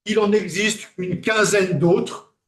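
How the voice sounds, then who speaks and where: High-voiced lecturer quizzing a class. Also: male voice, takes it slowly. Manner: conversational, questions the class, many fillers.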